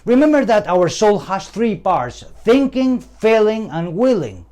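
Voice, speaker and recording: A man giving a scripted training lecture on communication, working through numbered points deliberately with pauses. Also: sits high, big pitch swings, warm tone.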